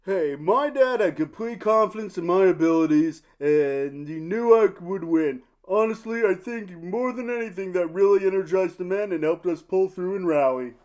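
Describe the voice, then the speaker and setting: A man's voice: sits high, normal speed, hardly any pauses, a little mellow, lightly acted. A proud young prince, acted by a man talks like a winning athlete after a match. His manner is casual and self-assured, in a mock sports interview about medieval battle. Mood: cocky, pleased.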